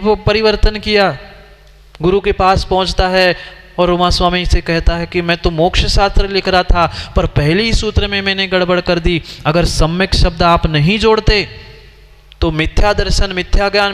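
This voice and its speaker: A man's voice: high-pitched, fairly bright tone, clear, resonant tone. A man, a Jain monk, giving a sermon who questions and scolds his listeners as he teaches. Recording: long hall reverb.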